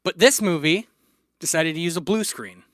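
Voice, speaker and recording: A man hosting a casual trivia segment on a podcast, playful and quick to laugh. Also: fairly high pitch, fairly bright tone, dry recording, clean studio sound. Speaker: quiz host. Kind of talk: casual radio podcast chat.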